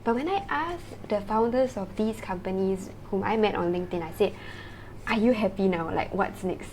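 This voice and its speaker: A woman's voice: medium pitch, moderate pace, darkish tone, slight background noise, poor audio. A woman from Singapore, a founder talking as a guest in a casual interview, chatty and full of fillers and tag questions.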